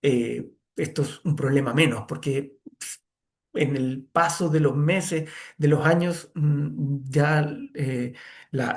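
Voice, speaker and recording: A man's voice: a little high, a little mellow. A man giving a screen-share tutorial as an online course instructor, talking conversationally with many "eh" fillers.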